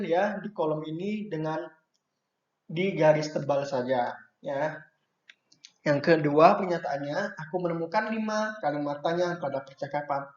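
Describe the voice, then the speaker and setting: A man's voice: a little high, a little mellow. Patient male teacher, echoey and dull. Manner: patient, adds "ya" and "nah" to checks and turns. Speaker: primary school teacher. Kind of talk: explaining a workbook lesson to young children. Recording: echoey room, dull lo-fi sound.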